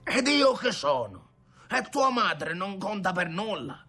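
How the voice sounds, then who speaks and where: A man voicing a stern old grandfather in a storybook reading, speaking slowly and scolding. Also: mid-range voice, pushed and bright. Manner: slow, scolding.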